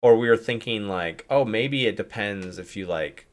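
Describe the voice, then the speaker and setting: A man's voice: on the low side, normal speed. A man hosting a casual game review chat, rambling with lots of "like" and restarts. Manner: rambling, heavy use of "like"; talks through restarts and hedges. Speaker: streamer and host.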